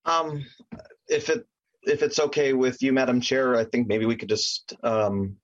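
A man's voice: mid-range voice, fairly even intonation, a little slow, dry recording. An American man speaking as a legislator, giving a formal explanation on a remote meeting call. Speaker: legislator presenting a bill. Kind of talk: prepared formal testimony with informal asides. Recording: muffled lo-fi remote meeting audio.

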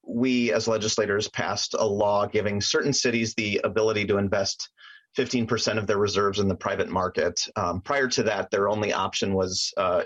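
American man, lawmaker presenting formally, husky, lowish voice, muffled remote-call audio. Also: fairly bright tone, dry recording. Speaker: legislator presenting a bill. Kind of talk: prepared formal testimony with informal asides.

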